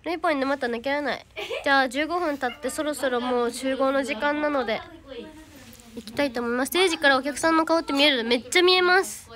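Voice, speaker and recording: Speaking fast in a high, fairly bright voice, this bubbly teen girl from Hyogo, Japan, has a Kansai accent. As an idol livestreamer, she casually reads viewer comments aloud, thanks fans by name, and calls herself by her own name.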